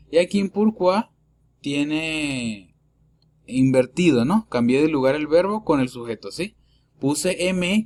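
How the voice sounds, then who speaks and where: A man giving a recorded French lesson in Spanish, patient, saying words slowly twice and checking with a quick "¿sí?". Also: a little high. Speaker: French teacher.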